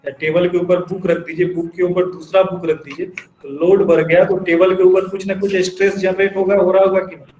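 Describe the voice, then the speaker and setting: A man's voice: sits high, flat delivery, darkish tone, dull audio, slight background noise. A man teaching engineering to a class, asking questions and answering them himself. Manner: dictates definitions slowly in English. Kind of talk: classroom lecture. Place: classroom with students. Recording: echoey classroom recording with faint ambience.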